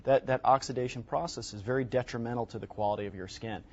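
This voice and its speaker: As a home shopping show's expert guest, a man in his thirties describes a product with emphasis, repeating words to drive points home. His voice is mid-range and his pace quick. He's recorded on a lapel mic in an indoor TV studio, with slightly dull lo-fi broadcast quality.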